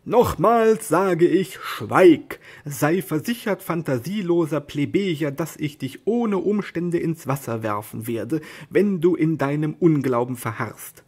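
A man voicing Don Quixote, a lofty, deluded old knight, declaiming grandly and shouting orders. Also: on the high side, lively intonation, takes it slowly, breathy edge, heavily acted. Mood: grandiose.

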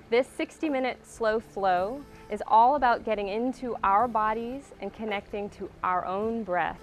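Mid-pitched woman teaching yoga. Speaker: yoga instructor and host. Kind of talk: instructional yoga class talk. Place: outdoor waterside wooden deck.

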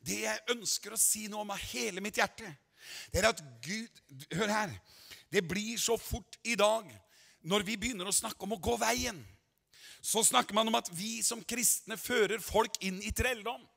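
A man preaching a revival sermon at a convention, moving between quiet asides and shouted appeals and voicing imagined objectors. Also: high voice, gravelly. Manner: voices imagined objectors in quotes. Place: large meeting hall at a summer convention. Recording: live sermon recording with long hall reverb.

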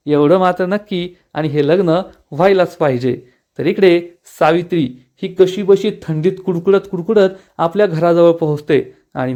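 A man's voice: on the high side, dark tone. A man recapping a TV serial episode in chatty narration, talking to viewers as friends. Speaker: TV serial reviewer.

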